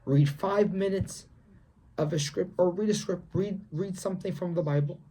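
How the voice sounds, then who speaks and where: A man's voice: sits high, moderate pace, dark tone, husky. A young man vlogging about his faith in a slangy, emphatic way, repeating himself and lecturing the viewer. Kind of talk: casual faith vlog monologue.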